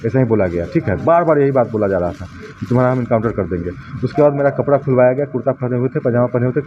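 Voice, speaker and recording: A man from Bihar recounting events to a local news camera in halting with many fillers. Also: medium pitch, muffled recording, noisy background. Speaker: accountant giving testimony. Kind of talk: interview testimony.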